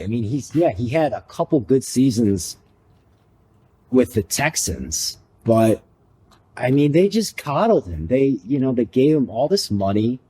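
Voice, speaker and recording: A man's voice: medium pitch, dark tone, slightly rough. A man co-hosting a sports podcast, rambling and telling stories in casual chat. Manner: rambling, storytelling, full of fillers. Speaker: podcast co-host.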